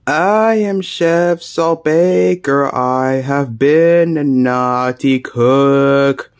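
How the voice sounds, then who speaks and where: A woman voicing a pompous male salt-shaker chef who talks slowly and drags out his words, in a plush puppet show. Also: rumbling low, a little mellow, voice pushed down, exaggerated voice. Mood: solemn. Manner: slow and drawn-out.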